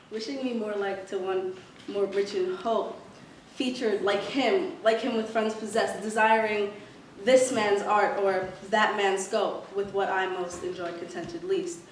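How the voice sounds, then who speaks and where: A woman recites a sonnet with dramatic phrasing at a medium pitch. She sounds distant from the mic, in a very echoey hall. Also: slight background noise. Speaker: recitation contestant.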